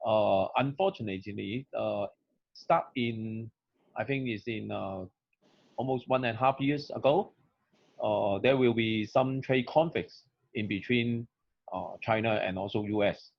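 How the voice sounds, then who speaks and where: A man who runs a freight company, answering a webinar panel question in a halting way, with many fillers and "okay" tags, over dull lo-fi call audio. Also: on the low side, creaky, dry recording. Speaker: freight company chief executive, panel guest.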